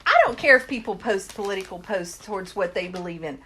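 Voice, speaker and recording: A woman's voice: medium pitch, expressive, brisk, bright, forceful tone, breathy edge. A woman co-hosting a podcast, ranting in casual chat with lots of swearing and mocking impressions. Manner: profane, heated, mocking voices. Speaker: podcast co-host.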